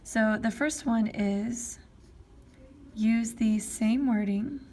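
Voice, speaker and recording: A woman's voice: a little high, extremely slow, darkish tone. A woman teaching a French grammar lesson, explaining step by step and often checking in with "okay?" and "all right?". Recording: faint background noise.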